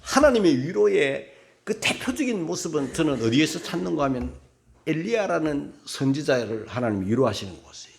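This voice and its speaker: A middle-aged male pastor preaching a sermon in a church, his talk swinging between soft, low musing and loud, shouted bursts. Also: gravelly. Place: church sanctuary.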